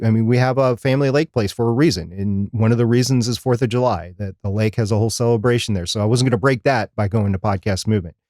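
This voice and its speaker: In an unscripted live chat, a middle-aged podcast co-host speaks at a pitch typical for a man, letting his explanations drift conversationally. His tone is slightly mellow, and the recording is close and dry with hardly any room sound.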